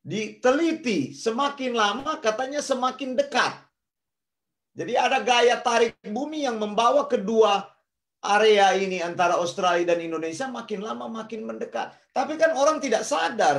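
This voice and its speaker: Higher-voiced man preaching in an echoey room. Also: moderate pace, vocal fry. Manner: storytelling, addressing listeners as brothers and sisters. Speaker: Bible teacher. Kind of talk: sermon-style Bible teaching. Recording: roomy echo.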